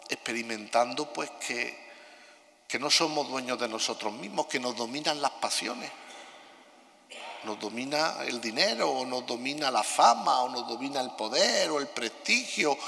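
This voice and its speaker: An older man, a bishop, delivers a sermon in deliberate, emphatic phrases in an echoing cathedral. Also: on the high side, gravelly, bright, forceful tone. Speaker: bishop preaching a homily. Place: large stone cathedral, indoors. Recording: long echoing cathedral reverb.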